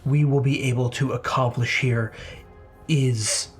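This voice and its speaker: Man voicing a grandiose, arrogant villain doctor, slow and declamatory. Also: medium pitch, fairly even intonation, soft background music, lightly acted.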